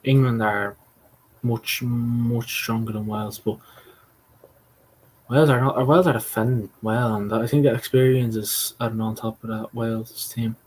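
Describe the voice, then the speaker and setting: A man's voice: mid-range voice, fairly even intonation, moderate pace, darkish tone, a little hiss or hum, rough recording. A man hosting a fan watchalong, giving casual live match commentary, calling passes play by play with blunt, mocking remarks.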